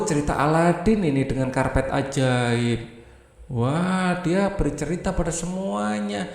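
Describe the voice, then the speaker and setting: A man's voice: on the high side, reverberant. A male teacher, reading a storybook aloud to young children and explaining it as he goes. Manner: animated, explains each line to children.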